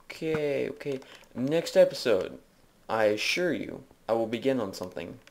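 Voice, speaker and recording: Let's player, male, very low voice, loose jokey gameplay chatter into a desk mic. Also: very animated, moderate pace, creaky, a little hiss or hum. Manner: rambling, jokey self-narration. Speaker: video game let's player. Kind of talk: casual gameplay commentary. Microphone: desk microphone.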